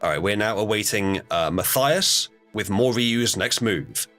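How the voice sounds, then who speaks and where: A man's voice: fairly low pitch, animated, unhurried, bright, forceful tone, soft background music. A man hosting a live stream, chatting casually with fillers and restarts and reading out game turns.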